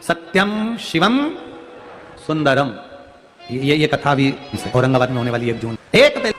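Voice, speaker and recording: A man's voice: medium pitch, big pitch swings, quick pace. A man preaching a devotional sermon to a crowd in a large pavilion, telling stories, repeating phrases and rising to emphatic peaks. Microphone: public address microphone. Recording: long hall reverb, soft music behind.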